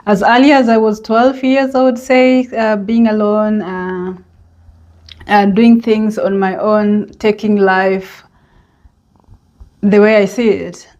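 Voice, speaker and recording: A woman with a Kenyan accent speaks in a relaxed, mellow voice at a middling pitch. She talks to her vlog audience in a reflective, searching way, often stopping on an "uh" or "um" before she goes on. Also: lo-fi sound. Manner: unhurried and reflective, with many hesitant pauses and fillers. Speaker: vlogger. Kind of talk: reflective personal vlog monologue.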